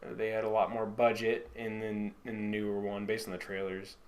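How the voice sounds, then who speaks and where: A man co-hosting a casual podcast chat, rambling and swearing freely, his sentences often trailing off quietly. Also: on the low side, completely flat delivery, brisk. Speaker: podcast co-host.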